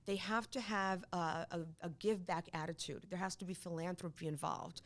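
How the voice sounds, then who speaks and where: Her pitch fairly low, a middle-aged Polish divorce attorney whose native language is Polish gives a conversational interview. She presses her points hard and repeats herself swiftly whenever she grows excited.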